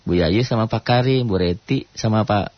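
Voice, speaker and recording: A man's voice: on the low side, no room sound, highs cut off. Man teaching Quran recitation on radio. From Indonesia. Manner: quick explanations broken by slow, drawn-out chanted recitation. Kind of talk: radio tajwid lesson.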